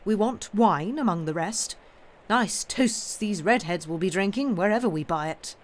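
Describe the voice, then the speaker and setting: A woman's voice: lively intonation, close to an everyday voice. A woman playing a fierce, loyal old English companion. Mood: emphatic. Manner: brisk and emphatic, rising high and loud.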